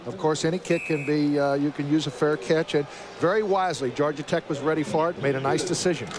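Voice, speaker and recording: Fairly high-voiced male football commentator. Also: fairly even intonation, fast talker, a crowd in the background. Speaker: colour commentator. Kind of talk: live sports commentary. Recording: noisy outdoor stadium broadcast.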